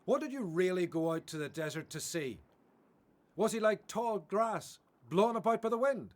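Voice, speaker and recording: An actor playing Jesus as a gentle, assured teacher in a radio Bible drama, speaking in a kindly, earnest way. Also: male voice, high-pitched, expressive, normal speed. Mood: raised, proclaiming.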